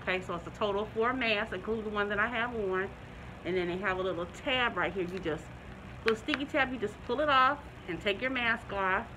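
A middle-aged woman reviewing a product in a casual vlog, talking through a face mask, chatty and relaxed with many ums and restarts. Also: medium pitch, a little fast, background noise.

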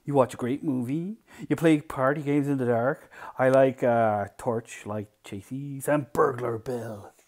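A man's voice: medium pitch, darkish tone, lightly acted. A man voicing a bossy, slightly smug older brother in a raised voice. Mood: boastful. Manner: brisk, dismissive.

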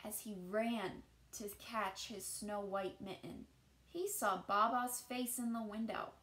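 A woman in her thirties with a medium-pitched voice reads a picture book aloud to children the way a teacher would. She puts deliberate, expressive emphasis on key words.

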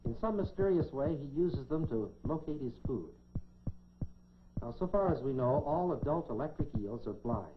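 The clearly noisy, dull soundtrack comes from a scripted 1950s educational science film, presented on an indoor laboratory set by a middle-aged American man in a lab coat. He speaks in a folksy, dryly humorous way, his medium-pitched voice animated and at a moderate pace over music.

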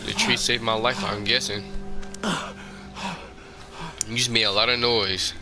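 A man's voice: medium pitch, lively intonation, slow pace, loud music behind the voice. A man giving casual, slangy commentary on a horror game, talking informally to the game and viewers.

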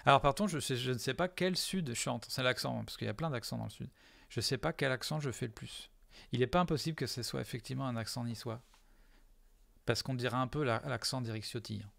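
A man's voice: mid-range voice, quick pace, vocal fry, a bit bright, dry recording. A man casually commenting live on his own video, hesitant with lots of fillers and self-mocking jokes.

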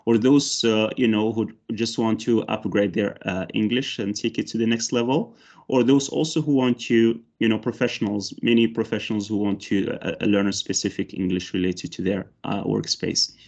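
A Moroccan man with a lowish voice speaks at a moderate pace in a steady tone, his English carrying a Moroccan accent; he is a native speaker of Arabic and Berber. He is an English teacher doing a mock interview and demo lesson over a video call on a headset, from an indoor room with large windows. He sounds hesitant, with many fillers and restarts, but brightens when he teaches.

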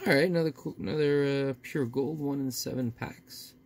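A man with a gravelly voice giving casual, folksy unboxing commentary as a host talking to his viewers. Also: medium pitch, fairly even intonation, moderate pace. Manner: folksy, often addressing viewers. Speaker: host of a card pack opening video. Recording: faint noise with crinkling wrappers.

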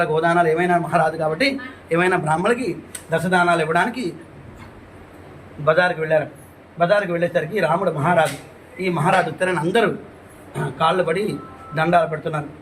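A man, a priest, telling a religious story lively, with rhetorical questions and long lists. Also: high voice, a little hiss or hum, poor audio. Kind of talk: storytelling talk.

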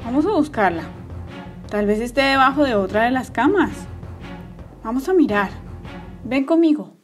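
A woman voicing a calm, comforting mother who reassures her daughter in a toy story play. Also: high voice, moderate pace, faint music behind. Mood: soothing. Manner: soothing, reassuring.

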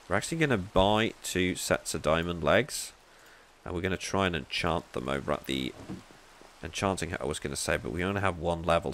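Gravelly low-voiced man narrating gameplay. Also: slight background noise. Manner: chatty, joking, thinks aloud. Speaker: let's play host. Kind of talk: playful gameplay commentary.

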